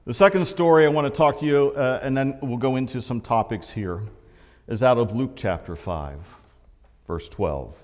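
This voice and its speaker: A man preaching a sermon to a live congregation. He swings between loud, emphatic stretches and low, hushed storytelling. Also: moderate pace. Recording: echoey hall.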